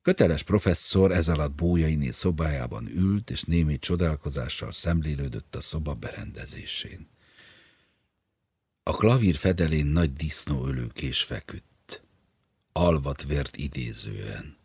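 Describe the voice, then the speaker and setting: A man narrating an audiobook in a measured, grave manner. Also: very deep voice, a little mellow, slightly rough, dry recording.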